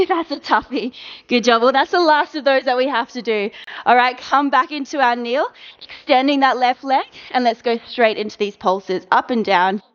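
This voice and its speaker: A woman fitness instructor cueing a workout, coaching with brisk encouragement and counting down the reps. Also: sits high, clear, resonant tone, muffled recording.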